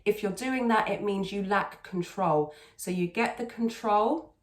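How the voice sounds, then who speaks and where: A woman's voice: medium pitch, a little slow. A woman speaking as a singing teacher in a conversational tutorial, instructional and repeating words for emphasis. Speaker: singing teacher and video host. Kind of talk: conversational vocal technique tutorial. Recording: echoey, roomy sound.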